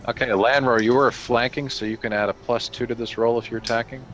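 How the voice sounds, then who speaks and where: A man's voice: medium pitch, steady tone, fast talker. A man acting as game master, patiently explaining the rules and narrating the fight with vivid flair. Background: soft background music.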